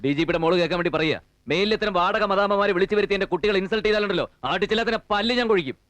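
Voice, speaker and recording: A man's voice: sits high, racing, a bit bright. An actor playing a proud young husband who delivers a fierce scolding tirade in defence of his sisters. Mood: furious. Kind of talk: film drama acting.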